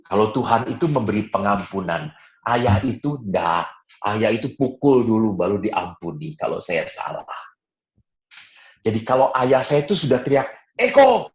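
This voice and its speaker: A man's voice: lowish voice, moderate pace. Man preaching. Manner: storytelling, lively, often acting out quotes. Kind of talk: sermon. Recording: roomy echo.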